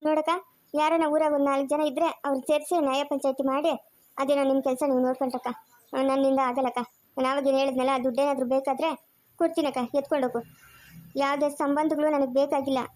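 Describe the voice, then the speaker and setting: A woman's voice: high-pitched, level tone, quick pace, darkish tone, close to an everyday voice. A woman playing a bitter, defiant young mother. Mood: refusing. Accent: rural Chikkaballapur Kannada. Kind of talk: amateur family drama acting.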